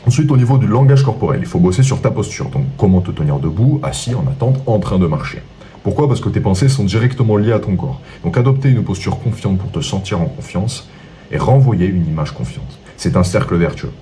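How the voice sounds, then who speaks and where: A man's voice: low-pitched, lively intonation, a little fast, warm tone, slight background noise. A man speaking as a dating coach, giving an instructional monologue and laying out his points one by one with rhetorical questions.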